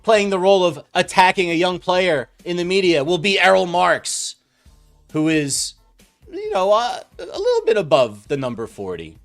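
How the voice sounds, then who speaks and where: A man's voice: sits high, big pitch swings, normal speed, a bit bright, faint music behind. Laid-back man in his forties co-hosting. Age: 40s. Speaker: podcast co-host. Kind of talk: casual podcast chat.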